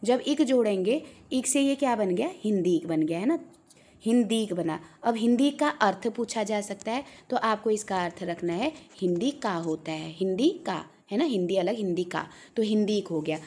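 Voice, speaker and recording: A woman's voice: mid-range voice, expressive, moderate pace, darkish tone, breathy edge. A woman teaching an exam-prep lesson, patiently repeating key points and checking in with her students as she goes.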